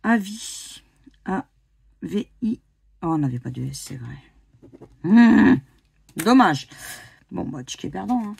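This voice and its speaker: A woman's voice: mid-range voice, big pitch swings, slow, gravelly, pauses often, a little mellow, husky. A woman from France chatting casually as she scratches lottery tickets, spelling out letters one by one with many hesitations. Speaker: scratch-card YouTuber. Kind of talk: casual commentary while playing scratch cards.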